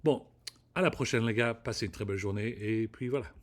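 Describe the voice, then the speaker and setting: A man from Rennes in Brittany, rambling through a casual solo vlog with an excitable pep talk and casual swearing. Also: fairly low pitch, a little fast. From Rennes, Brittany, France. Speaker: vlogger.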